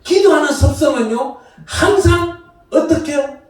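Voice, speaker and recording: High-voiced man preaching in echoey church. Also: normal speed. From Gyeongsang region, South Korea. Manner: lively preaching with shouted call-and-response. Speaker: pastor. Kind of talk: sermon. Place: church sanctuary. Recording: roomy echo from far off the mic.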